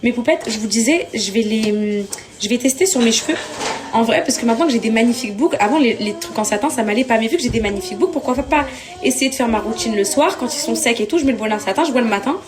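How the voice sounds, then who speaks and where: A woman's voice: a little high, quick pace. A tired young woman in casual vlog chat, venting and exasperated, often repeating herself. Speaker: vlogger. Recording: household clatter behind.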